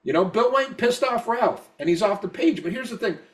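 A man's voice: high voice, lively intonation, a little fast, distant mic. A drunk man co-hosting a podcast, rambling and heated, swearing constantly. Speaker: podcast co-host. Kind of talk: casual podcast rant.

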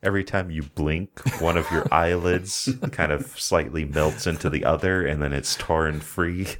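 A man's voice: deep voice, lively intonation, a little slow, a little hiss or hum. A man playing a tabletop game, chatting casually and gleefully describing grisly details with frequent laughter. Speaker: player.

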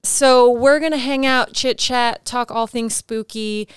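A woman with a fairly high, smooth voice hosts a casual chat. She is chatty and giggly, and the recording is close and dry. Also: fairly even intonation, measured pace, no room sound. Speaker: show host.

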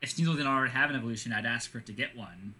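A man's voice: medium pitch, racing, sharp tone. A man on a casual podcast, thinking aloud hesitantly with many fillers.

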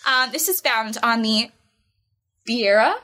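A woman's voice: fairly high pitch, lively intonation, normal speed, pushed and bright. A woman from the United States co-hosting a podcast in casual chat, giggly and stumbling over unfamiliar place names. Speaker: podcast co-host.

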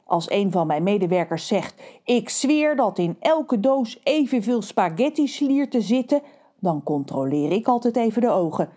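A woman's voice: mid-range voice, expressive, moderate pace, warm tone, close to an everyday voice. A woman voicing a stern mother who runs a factory and questions people strictly. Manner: stern, commanding.

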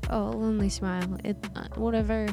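A woman's voice: mid-range voice, flat delivery, a little fast, music in the background. A woman co-hosting a livestream, switching between casual banter and reading aloud. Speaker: prank-call livestream co-host.

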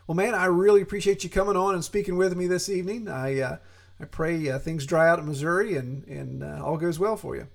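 A man's voice: sits high, fairly quick, creaky. A man with an Appalachian drawl, talking casually and in a folksy, self-deprecating way as a podcast host. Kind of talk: casual, conversational podcast monologue.

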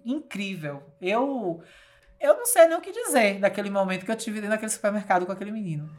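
Journalist, woman, colloquial and animated, mid-range voice. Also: mid-range voice, fast, music in the background. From Bahia, Brazil. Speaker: journalist interviewee. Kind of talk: casual storytelling interview.

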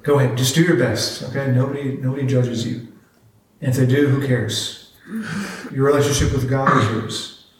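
A man's voice: mid-range voice, level tone, moderate pace, far from the mic, slight background noise. A man hosting a casual faith podcast with his family, earnest and encouraging. He sits back from the microphone, and his voice rings around a very echoey room. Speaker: podcast host, father.

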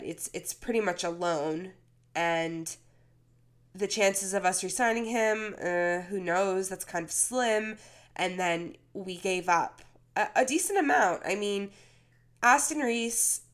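A woman co-hosting a podcast with casual sports talk, speaking while sick with a cold. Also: lowish voice. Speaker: podcast co-host.

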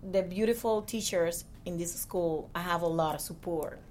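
A woman in her thirties with a Cuban Spanish accent, speaking English as her second language. Her voice sits a little low, and she talks in an earnest, halting way with many restarts. A faint hiss and low rumble sit behind her. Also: darkish tone. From Cuba. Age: 30s. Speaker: guest. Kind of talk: casual interview.

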